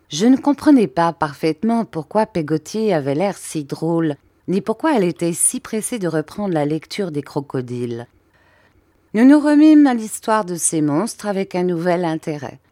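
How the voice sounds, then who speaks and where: A woman reads a classic novel aloud in a low, measured voice, keeping an even storytelling pace. She sits close to the mic, and the sound is dry with no room echo. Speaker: audiobook reader. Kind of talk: audiobook narration.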